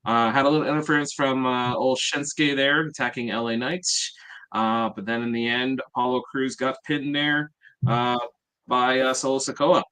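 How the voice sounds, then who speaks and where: A man's voice: medium pitch, fairly even intonation, moderate pace, sharp tone, smooth. A man hosting a podcast, recapping events in a rambling, casual way full of "uh"s. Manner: rambling, filler-heavy, many "uh"s. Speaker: podcast host.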